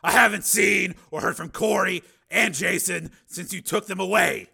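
A male reader voices a hard-edged man turned machine in a dramatized audiobook, giving him a full character voice. The delivery is stern, forceful and insistent, shouting and pressing every point at normal speed. His tone is tense and high, with a rough, gravelly grain.

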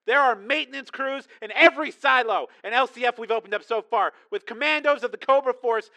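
A man's voice: very high-pitched, brisk, sharp tone, voice pushed up, exaggerated voice. A man voicing a desperate, urgent army sergeant on the run in an audiobook story. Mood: desperate, insistent. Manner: urgent, strained, commanding. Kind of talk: acted dialogue in audiobook narration.

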